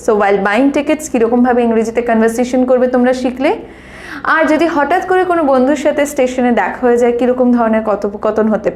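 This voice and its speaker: A young woman with a Bengali accent gives a bilingual English lesson. Her voice sits high, and she reads the dialogue lines slowly and clearly before explaining them. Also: a little mellow. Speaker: English teacher.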